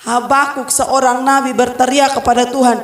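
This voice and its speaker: A woman's voice: sits high, flat delivery, moderate pace, a little hiss or hum. Woman, sermon, fervent pleading delivery, roomy echoing church hall. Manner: fervent, rises to pleading cries, frequent "ya". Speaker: preacher. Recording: echoey church hall with long reverb.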